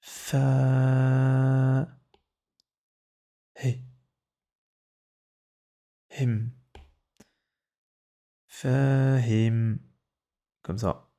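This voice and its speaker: A man's voice: medium pitch, mellow. A male Arabic teacher giving a dictation lesson, patiently repeating each word and breaking it into syllables. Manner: patient, instructive.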